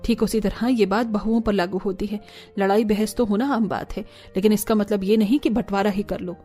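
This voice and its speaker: A woman's voice: mid-range voice, fairly even intonation, brisk, mellow, husky, soft background music, natural voice. A woman voicing a wise mother-in-law who lectures her daughters-in-law in a cartoon story. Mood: lecturing.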